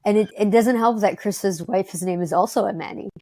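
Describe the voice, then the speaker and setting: A woman from Detroit, talking as an interview guest in an upbeat, quick way with many fillers and restarts. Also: mid-range voice, dark tone, no room sound. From Detroit, United States. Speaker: guest, company co-founder. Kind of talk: conversational interview.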